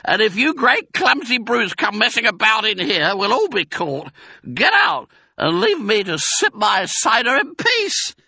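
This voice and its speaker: Shrieking, bad-tempered drunken rat. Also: male voice, big pitch swings, measured pace, sharp tone, breathy edge, no echo, clean studio sound, exaggerated voice. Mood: angry, defiant. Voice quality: shrieking, shrill. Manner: snapping, indignant. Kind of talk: animated children's storybook character reading.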